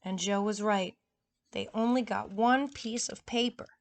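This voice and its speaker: A woman reading a story aloud to young children in an expressive, chatty way. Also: medium pitch, measured pace, slight background noise.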